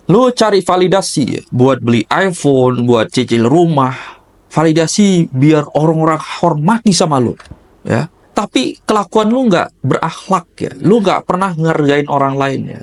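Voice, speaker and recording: A man giving a blunt motivational rant, scolding and crude as he confronts the listener. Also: on the high side. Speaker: motivational speaker.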